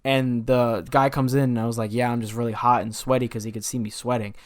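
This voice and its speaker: A young man rattles through a story at high speed, piling on "like" and restarts as he goes. His voice sits at an ordinary male pitch and the recording is close and dry, with no room sound around it. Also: little pitch movement, fast, dry recording. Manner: rambling storyteller, many fillers and restarts. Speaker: podcast co-host. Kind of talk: casual chat.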